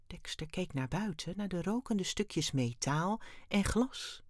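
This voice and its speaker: A woman reading a children's story aloud with lively, expressive narration. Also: fairly low pitch, a little slow, no echo, clean studio sound.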